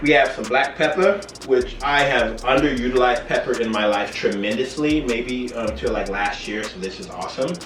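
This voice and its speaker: A man's voice: mid-range voice, moderate pace, few pauses, a bit bright. Tipsy man rambling in an echoey kitchen. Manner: tipsy, loose and rambling, losing track mid-sentence. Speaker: home cooking show host. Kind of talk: casual chat to camera while cooking. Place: home kitchen. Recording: roomy echo, distant mic, music behind.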